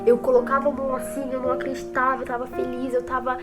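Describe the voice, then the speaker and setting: Loud music plays behind this young woman vlogger as she rushes through a personal story for her viewers in a high, monotone voice. Her Brazilian accent comes through, and she speaks to camera in an emotional, chatty way, often calling out to the audience.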